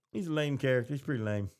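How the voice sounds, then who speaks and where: An American podcast host talks fairly quickly in a mid-range voice. He chats casually about TV shows, reacting to them as he goes.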